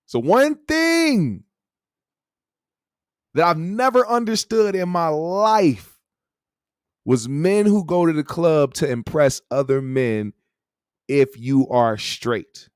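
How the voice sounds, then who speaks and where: High-pitched man hosting, dry close sound. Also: expressive, slow pace, clear, resonant tone, no room sound. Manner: slangy, profane, conversational. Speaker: host of a call-in show. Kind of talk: casual opinionated rant and chat.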